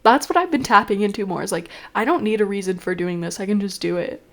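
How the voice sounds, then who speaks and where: A young woman vlogs in a casual chat, speaking quickly in a mid-range, fairly bright voice. She rambles and vents, chatty and exasperated, full of fillers, a little congested and sniffling.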